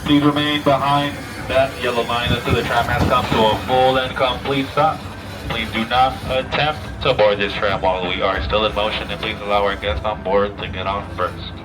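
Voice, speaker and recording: A man's voice: medium pitch, fairly even intonation, normal speed. A man giving formal, polite safety announcements to tram passengers, in the manner of an airport announcement. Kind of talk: public transit announcement, like an airport announcement. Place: outdoors on a moving tram. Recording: distant announcement over outdoor vehicle noise.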